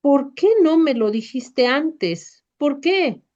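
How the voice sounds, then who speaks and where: Un apóstol angustiado y frenético, al que da voz una mujer, que suplica con preguntas que suben muy agudas. Habla despacio, con una grabación apagada y de baja fidelidad. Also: female voice, lowish voice, drawn-out words. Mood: distraught. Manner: pleading, frantic questioning. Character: Peter, anguished male apostle, frantic. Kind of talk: devotional reading. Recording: dull lo-fi recording.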